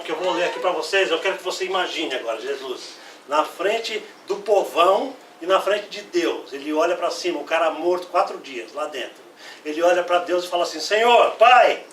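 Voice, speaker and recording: A male pastor, preaching a lively sermon and acting out Bible quotes. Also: high-pitched, a little hiss or hum. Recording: echoey room, voice from far off.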